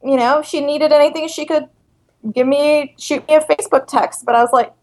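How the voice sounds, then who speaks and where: A woman's voice: high-pitched, fairly even intonation, brisk, darkish tone. A bubbly, chatty woman calling in as a guest on a podcast, laughing often. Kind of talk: casual podcast chat. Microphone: call-in line over speakers.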